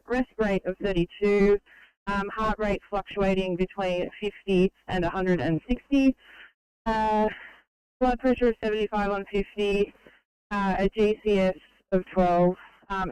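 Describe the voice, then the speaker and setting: Woman paramedic on emergency radio, super clear, methodical patient report, dry sound. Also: medium pitch, darkish tone, no echo, rough recording. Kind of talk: clinical handover over emergency radio.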